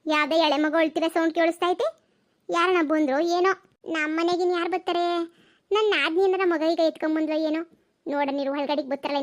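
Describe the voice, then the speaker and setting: A woman voicing chatty village women in a cartoon comedy, in a rapid, gossipy, exclaiming manner. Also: high-pitched, close to an everyday voice.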